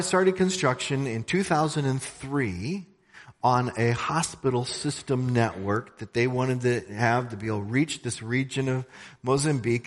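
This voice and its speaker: Man, church talk, conversational storytelling, mid-pitched voice, long hall reverb. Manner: storytelling, conversational, with asides to the audience. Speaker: missions organization representative speaking at a church. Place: church sanctuary.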